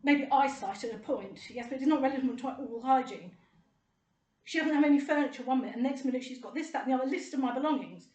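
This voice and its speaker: A middle-aged woman talks straight to camera in a high voice. Her delivery is indignant and rambling, with a sarcastic edge. The recording carries a roomy echo. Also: fast, darkish tone. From United Kingdom. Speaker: vlogger. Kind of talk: personal monologue to camera.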